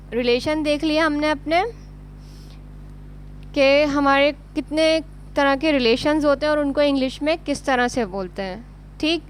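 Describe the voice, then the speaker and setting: A woman with a Pakistani Urdu accent gives a beginner English lesson in a high voice, taking it slowly. She repeats each word patiently and spells it out letter by letter. A faint hum runs under the recording. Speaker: English teacher.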